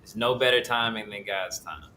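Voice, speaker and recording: Earnest thirtysomething male actor guest, low but bright voice, halting and reflective. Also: poor audio. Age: 30s. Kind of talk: interview answers over video call. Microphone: remote call connection.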